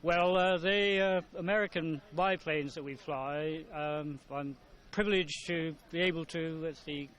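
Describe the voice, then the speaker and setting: An older man answering interview questions casually, in a hesitant, measured way. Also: a little high, a bit bright. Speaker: interviewee, pilot.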